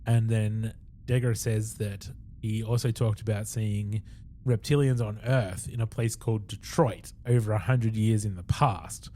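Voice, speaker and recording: A man's voice: fairly low pitch, steady tone, unhurried, warm tone. A man with an Australian accent co-hosting a podcast, casually recapping an episode in a rambling way with fillers and chuckles. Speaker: podcast co-host.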